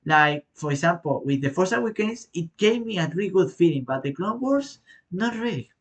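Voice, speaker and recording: A man from Spain with a Spanish accent, answering viewer questions in a casual, halting way with many fillers and self-corrections. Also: high voice, expressive. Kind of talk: casual Q&A vlog.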